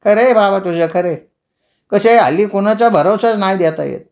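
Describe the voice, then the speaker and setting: A man's voice: high-pitched, normal speed, a little mellow, voice pushed up. A man voicing a gossiping village carpenter who agrees eagerly, in a dull lo-fi recording.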